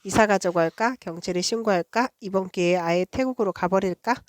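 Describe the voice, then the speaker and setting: A woman narrating a children's book aloud in a steady, expressive storytelling way. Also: mid-range voice, brisk, no echo. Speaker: book reader.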